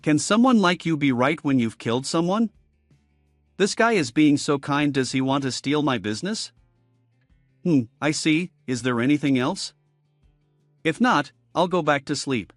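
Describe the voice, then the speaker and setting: A man voicing a rude, greedy young male exorcist who talks in a gruff, bossy way. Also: a little high, lively intonation, moderate pace, no room sound, natural voice. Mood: brusque. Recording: dry with faint music.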